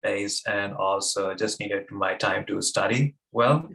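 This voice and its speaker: A young man from Sri Lanka, a guest on an interview podcast, speaking with hesitant pauses and fillers. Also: fairly low pitch, creaky, bright, forceful tone. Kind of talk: casual interview chat.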